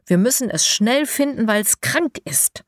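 A woman voicing an excited, curious young boy in a children's audiobook. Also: medium pitch, measured pace, no room sound, clean studio sound. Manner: excited, breathless.

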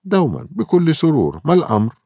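A man's voice: on the high side, huge pitch swings, fast talker, dark tone, breathy edge, dry recording, clean studio sound, voice pushed up, exaggerated voice. A man voicing a playful young woman who guides visitors at a fairground ride, putting on a mock-spooky, showy tone. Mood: teasing.

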